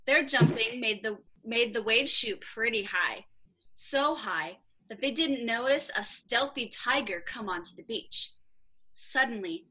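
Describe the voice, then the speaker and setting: A woman teacher reading a children's story aloud over a video call, with an expressive, animated delivery. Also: fairly high pitch, unhurried, husky, low-quality recording. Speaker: theatre teacher.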